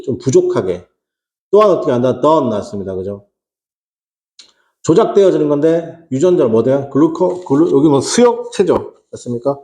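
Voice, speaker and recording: A man's voice: medium pitch, warm tone, roomy sound. A man teaching English exam prep in Korean, asking rhetorical questions and answering them himself, with casual slang asides. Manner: rhetorical questions, repeats "어떻게 한다?".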